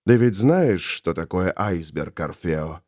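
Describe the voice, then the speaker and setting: A sinister male heretic, voiced by a male audiobook reader, speaking deep and hushed with calm, gloating menace. His words come slow and quiet, as if sharing a dark secret. The sound is close and dry. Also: no echo. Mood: ominous. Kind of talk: audiobook character voice.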